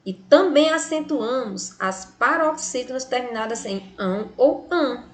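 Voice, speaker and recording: A Brazilian woman teaching a recorded grammar lesson, speaking slowly and clearly and stretching the example words to stress them. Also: high voice, animated. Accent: Brazilian Portuguese.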